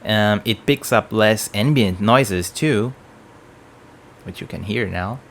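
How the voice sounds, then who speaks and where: A man's voice: fairly low pitch, takes it slowly, creaky, a bit bright, a little hiss or hum. A man giving a plain, explanatory product review at his home work desk, speaking into a desk mic on an arm. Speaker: tech reviewer.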